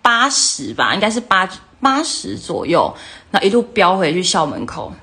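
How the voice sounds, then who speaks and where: Lively Taiwanese woman telling stories. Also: normal speed. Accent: Taiwanese Mandarin. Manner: lively, acts out quoted voices with jumps in pitch. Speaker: livestream host. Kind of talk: casual storytelling.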